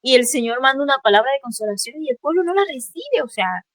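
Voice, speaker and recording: Woman, fervent testimony, halting restarts, higher voice, dry close sound. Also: lively intonation, fairly bright tone, no echo. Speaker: student sharing a testimony. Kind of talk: emotional spoken testimony.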